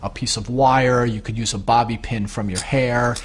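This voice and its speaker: A man, an escape artist, explaining his underwater escapes in a measured, matter-of-fact documentary interview. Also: mid-range voice, steady tone, a little hiss or hum.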